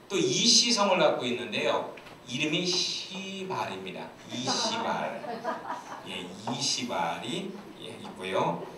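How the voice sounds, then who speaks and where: A man preaching a sermon as pastor, telling jokes and playful stories. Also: mid-range voice. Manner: playful, joking storyteller. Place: church sanctuary. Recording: very echoey church hall, distant mic, faint hiss.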